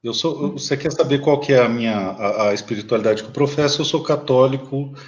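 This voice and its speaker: A Brazilian man argues in a heated live political chat, blunt and combative. His voice sits at an ordinary pitch, and the stream audio is dull and lo-fi. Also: brisk. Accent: Brazilian Portuguese. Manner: combative, blunt, swears at viewers. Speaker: lawyer, live stream guest.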